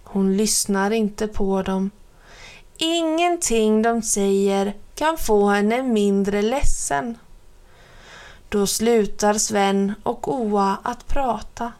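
A woman gently reading a children's book aloud. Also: mid-range voice. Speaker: narrator.

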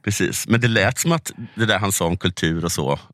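A man's voice: low voice, expressive, a bit bright, no echo, clean studio sound. A man co-hosting a podcast in casual conversation, giving frequent short agreements and teasing his partner. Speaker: podcast co-host.

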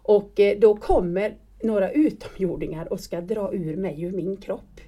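A middle-aged woman with a dark-toned, mid-range voice tells a personal story as a guest in casual conversation. She often stops and starts over while searching for the right words.

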